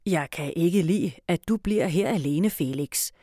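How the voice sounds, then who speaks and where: A woman voicing a kind old grandfather in a storybook reading, speaking calmly and gently, low and unhurried. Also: dry recording, studio quality, close to an everyday voice. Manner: calm, gentle.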